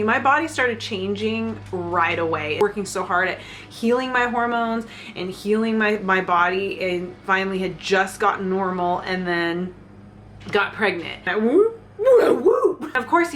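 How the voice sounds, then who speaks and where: A woman's voice: mid-range voice, a bit bright, slight background noise. Candid chatty woman. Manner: candid, chatty, laughs often. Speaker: fitness vlogger. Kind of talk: personal storytelling vlog.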